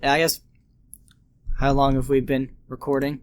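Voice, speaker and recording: A man's voice: medium pitch, completely flat delivery, unhurried, smooth. A man hosting a podcast in casual chat, playfully posing silly hypothetical questions. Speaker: podcast host.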